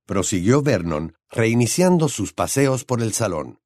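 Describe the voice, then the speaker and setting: A man narrating an audiobook in an expressive storytelling style. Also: lowish voice, unhurried, no echo, studio quality.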